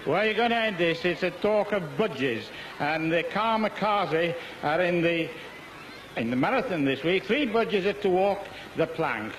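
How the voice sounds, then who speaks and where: At an outdoor park event, a man with a Yorkshire accent gives jokey, cheeky live commentary on a game show, bantering and chuckling. His voice is high-pitched, and the rough recording picks up the crowd and background noise.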